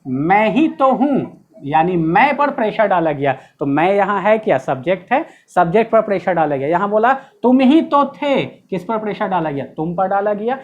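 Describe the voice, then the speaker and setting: Over lo-fi sound, a man whose voice sits high and a little mellow delivers an English grammar lesson in classroom style. He proceeds step by step, emphasizes key words and checks understanding with rhetorical questions.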